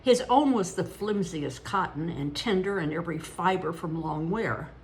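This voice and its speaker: Older woman, grandmother, reading a storybook aloud, gentle, unhurried, low voice. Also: a little hiss or hum, low-quality recording.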